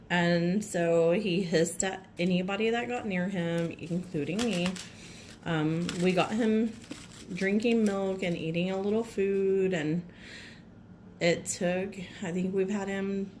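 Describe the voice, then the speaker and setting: A woman with a cold, her voice a little rough, gushing chattily through an unboxing at home and clearing her throat often. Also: on the low side, a little mellow, a little hiss or hum. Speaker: nail vlogger. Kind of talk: casual unboxing chat.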